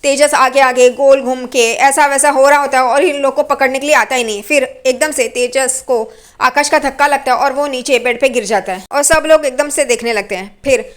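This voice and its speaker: High-voiced woman retelling a serial. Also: fairly even intonation. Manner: rapid retelling, quoting characters. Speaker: serial recap narrator. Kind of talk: casual story recap narration.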